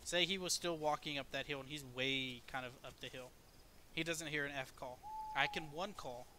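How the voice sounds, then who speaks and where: Bright-voiced man explaining a game. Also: medium pitch, slight background noise. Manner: explains step by step, laid-back and profane. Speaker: gaming video host. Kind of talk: casual gameplay commentary.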